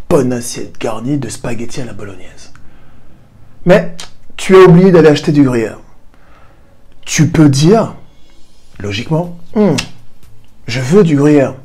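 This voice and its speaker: Talking directly to camera, a man who runs a personal growth channel explains ideas to the viewer and repeats key points for emphasis. His voice sits in the mid-range, darkish in tone and husky.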